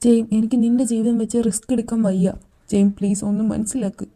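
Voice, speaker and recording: Figure: protective young husband, played by a woman. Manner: pleading, tender. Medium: fan audio drama. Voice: mellow, fairly high. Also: steady tone, quick pace, close to an everyday voice.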